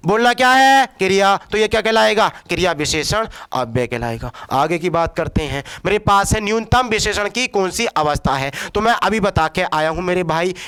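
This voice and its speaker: A young male teacher runs an exam-prep grammar lesson in a high, smooth, resonant voice. He fires questions at the class and answers each one himself in a steady call-and-response rhythm.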